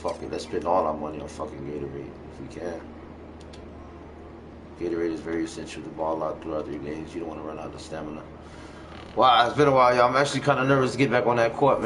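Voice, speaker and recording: With a deep voice and fairly quick delivery, a man chats on his gaming livestream using slangy, profane language. The recording is a noisy home stream with game ambience.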